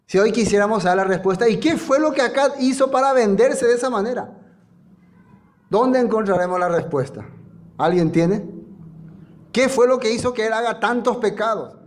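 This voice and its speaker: A man preaching a sermon in a lively storytelling manner, full of rhetorical questions. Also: high voice, normal speed. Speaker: pastor.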